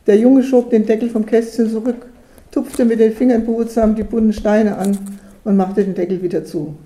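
A narrator reads a homely storybook tale aloud and slips into voices for its characters. The tone is warm, dark and mellow. The reading rings a little in a roomy space. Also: mid-range voice, moderate pace. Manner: lively voicing of characters. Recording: roomy echo.

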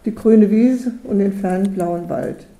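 Warm, mellow storybook reader. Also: mid-range voice, measured pace. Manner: lively voicing of characters. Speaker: narrator. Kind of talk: storybook reading aloud. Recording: roomy echo.

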